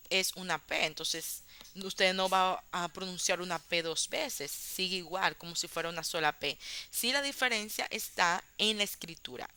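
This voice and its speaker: A woman teaches an English grammar lesson. She speaks slowly, in a patient step-by-step way, and pads her explanations with small fillers. Her voice is bright and smooth. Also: lowish voice.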